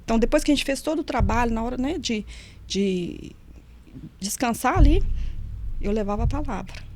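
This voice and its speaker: Here the same guest, a middle-aged nutritionist who once worked as a prison officer, sounds somewhat high-pitched and talks at a normal speed. Reminiscing in a relaxed interview, she animatedly acts out the voices she quotes, with slight background noise behind her.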